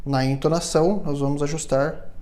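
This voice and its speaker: A man's voice: a little high, steady tone, moderate pace, warm tone, a little hiss or hum. Patient man teaching guitar setup. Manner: patient, explanatory, checks in with "tá?" and "né?". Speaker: guitar luthier instructor. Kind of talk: step-by-step instrument setup tutorial.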